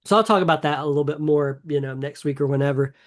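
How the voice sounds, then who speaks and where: A man's voice: fairly high pitch, quick pace. A man co-hosting a casual gaming podcast, talking in an enthusiastic, rambling way with many fillers and restarts. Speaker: podcast co-host.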